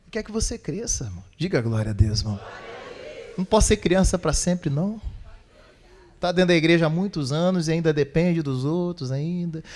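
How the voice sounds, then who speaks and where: Middle-aged male pastor, high voice, quick lively sermon delivery, mimics voices, rhetorical questions. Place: church.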